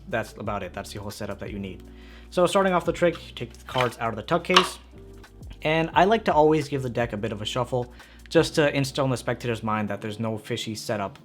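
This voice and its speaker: Man, card magician patter, casual and upbeat, tutorial host, direct to viewer, music behind. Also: mid-range voice.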